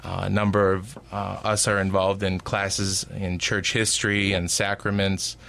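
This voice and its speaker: A man in his late twenties from Wisconsin with a very low, smooth, even voice. He talks as a radio guest, hesitant and full of small pauses and fillers. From Wisconsin, USA. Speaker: seminarian guest.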